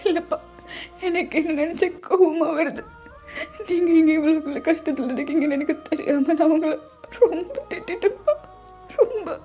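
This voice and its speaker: A woman's voice: sits high, unhurried, long pauses, dark tone, pitched above the performer's own voice. A woman voicing a devoted young daughter, weepy and pleading through tears, with faint music underneath. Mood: tearful. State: crying.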